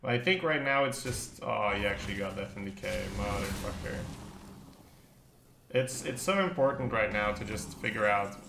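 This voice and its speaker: Streaming a game live, a Dutch-speaking man from northern Belgium talks with his viewers in a relaxed way, musing aloud and cursing a bit. He speaks at a moderate pace in a fairly low, creaky voice, and the audio is reverberant with background noise.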